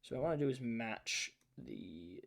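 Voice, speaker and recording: Gravelly male streamer, animated delivery, loose tutorial talk full of fillers. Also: medium pitch, moderate pace, a little hiss or hum. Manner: loose, thinking aloud, many fillers. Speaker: streamer teaching sound design. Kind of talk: casual live-stream tutorial.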